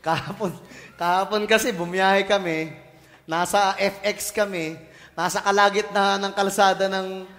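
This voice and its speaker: A male pastor from the Philippines, preaching a lively sermon full of jokes and playful voices. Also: high voice, a little slow. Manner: animated, joking, playful voices and shouts, mixes English in. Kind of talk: lively sermon with comic asides. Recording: church hall reverb.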